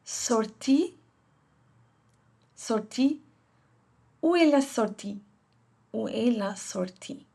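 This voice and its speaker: Very slow, careful woman learner. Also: fairly high pitch, lively intonation, vocal fry, warm tone. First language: not French. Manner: repeats each phrase carefully, self-correcting. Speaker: channel host practicing French. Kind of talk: slow pronunciation practice.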